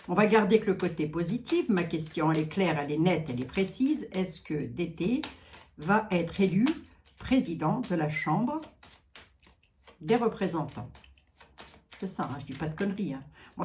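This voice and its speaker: A woman's voice: on the low side, lively intonation, moderate pace, a little mellow, slight background noise. A French-speaking woman doing a card reading, chatting casually with her viewers and filling her talk with asides. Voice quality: chatty, talks to viewers, many asides and "hein". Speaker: card reader.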